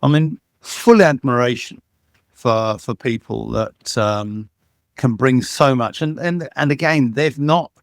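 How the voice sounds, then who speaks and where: Guesting on a casual interview, a sound engineer and dubbing supervisor of middling pitch rambles eagerly through his stories, full of false starts and fillers. He speaks slowly, and his voice sounds close and dry, without any room sound.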